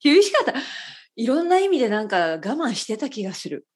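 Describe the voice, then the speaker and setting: Woman, husky breathy voice, lively swooping pitch, casual co-host chat, constant agreeing backchannels. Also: fairly quick. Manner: warm listener with frequent backchannels and easy laughs. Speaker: podcast co-host.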